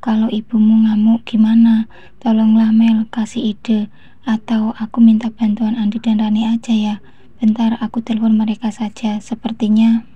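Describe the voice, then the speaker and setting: A woman reads out a flustered, lovestruck young man from a storybook, rambling and teasing in a breathy, even voice. The sound is dry and a little dull. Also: a little high, normal speed, no room sound. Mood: panicked.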